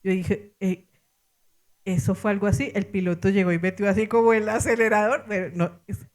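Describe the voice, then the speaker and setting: Lively Colombian woman pastor telling a story. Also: mid-range voice, normal speed. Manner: animated, laughing storyteller with exclamations. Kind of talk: sermon storytelling.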